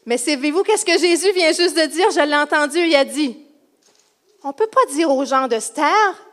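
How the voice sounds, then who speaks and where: A woman with a Quebec French accent playing an excited woman eyewitness in a cheering crowd, calling out to children. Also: sits high, normal speed. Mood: worried. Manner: breathless, shouting to a crowd of children. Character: excited woman eyewitness in the crowd, sister of a man raised from the dead.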